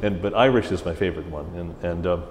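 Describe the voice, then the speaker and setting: A middle-aged man, a music director in an interview, telling stories in a chatty, animated way. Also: low-pitched, fast talker. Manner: chatty, animated, slips into mimicked voices. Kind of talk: casual interview storytelling. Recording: roomy hall echo with faint ambient hiss.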